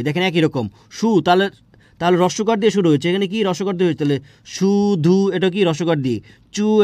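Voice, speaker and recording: A man teaching an exam-prep grammar lesson, asking questions and answering them himself, drawing words out slowly. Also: high-pitched, no room sound.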